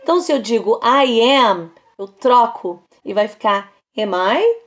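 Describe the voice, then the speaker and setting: A woman from Brazil teaches English in a casual online lesson, talking to her students as friends. Her voice sits a little high, and she speaks slowly, drawing out each example sentence so it can be repeated. She explains with patience. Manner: addresses students casually as "galera".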